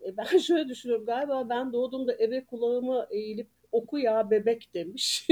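A woman in her sixties from Ankara, speaking as a guest in a relaxed podcast chat. Her voice is warm and mellow and sits a little high. She tells long personal stories and often laughs between sentences. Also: quick pace. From Ankara, Turkey. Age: 60s. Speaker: guest author and retired teacher. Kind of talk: casual podcast interview.

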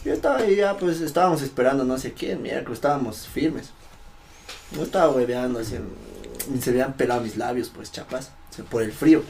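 A young man hosting a casual podcast, telling crude anecdotes from premilitary training with frequent laughter and mimicked officers' shouts. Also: medium pitch, fairly quick, creaky, slight background noise. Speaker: podcast host. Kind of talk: casual chat, storytelling.

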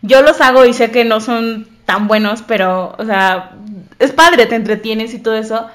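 A woman with a Mexican accent in relaxed casual conversation, with many fillers. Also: on the high side, normal speed. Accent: Mexican Spanish. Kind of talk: casual chat.

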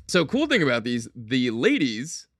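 A man's voice: medium pitch, wildly swooping pitch, a little slow, a bit bright, slightly rough, no room sound. A man co-hosting a casual chat show, leading the facts with a joking manner. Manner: joking, leads the facts, converts units. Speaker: podcast co-host.

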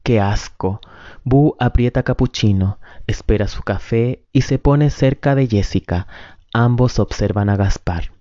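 A calm man narrates a story in an even, measured way. His voice is mellow and dark, heard dry and close in a dull, lo-fi recording. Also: medium pitch, dry recording. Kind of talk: scripted narration.

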